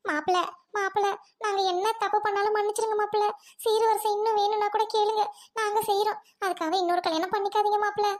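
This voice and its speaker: A woman's voice: extremely high pitch, fairly even intonation, fast talker. A woman playing a worried mother who scolds and begs in a family drama skit. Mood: begging. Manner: scolding then begging.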